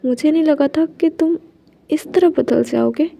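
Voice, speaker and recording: A woman's voice: high voice, measured pace, gravelly, dark tone. A woman voicing a jealous, tearful young husband who pleads with hurt reproach. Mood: hurt pleading.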